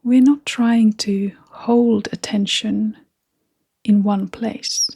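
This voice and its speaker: A woman leads a gentle guided meditation in a soft, breathy, half-whispered voice that is mid-range and steady. She speaks slowly and unhurriedly, leaving long pauses.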